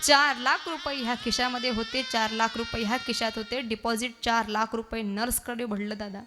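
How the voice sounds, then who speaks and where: Woman preacher, high voice, emotional kirtan storytelling, music behind. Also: steady tone, fairly quick. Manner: emotional, dramatic, acts out voices in quotes. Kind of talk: devotional storytelling sermon.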